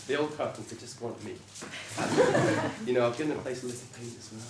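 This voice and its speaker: A man's voice: medium pitch, fast, natural voice. A man playing a proud, homely vice porter in a stage pantomime, chatting about his place. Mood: proud, chatty. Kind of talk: amateur stage pantomime acting. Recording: very noisy echoey hall, far from mic.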